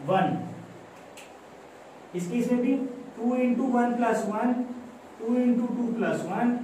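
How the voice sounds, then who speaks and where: A man's voice: sits high, mellow. A man teaching a maths lesson in Hindi with English terms and an Indian accent, explaining step by step, repeating phrases and quizzing his students. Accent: Indian English mixed into Hindi. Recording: very echoey room, mic far off, faint background noise.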